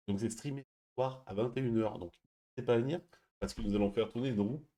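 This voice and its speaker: A man hosting a stream, chatting casually and reading viewer messages, speaking quietly and laughing often. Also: medium pitch. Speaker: stream host.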